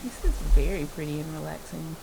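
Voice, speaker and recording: A woman playing a game and chatting casually, reacting out loud with quick exclamations. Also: low-pitched, steady tone, vocal fry, low-quality recording. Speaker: game player. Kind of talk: casual gameplay chat. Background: game music.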